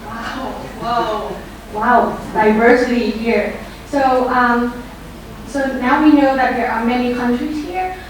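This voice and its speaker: A woman's voice: fairly high pitch, takes it slowly. A young woman from Thailand hosting a cultural class, friendly and hesitant with many fillers. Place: large lecture room. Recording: very echoey room, distant mic, faint hiss.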